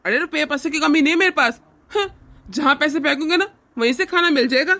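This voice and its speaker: A woman voices a harsh, domineering older man in a cartoon family drama, contemptuous, scornful and threatening as she barks orders. Her voice is high, pushed and bright, and she speaks a little fast.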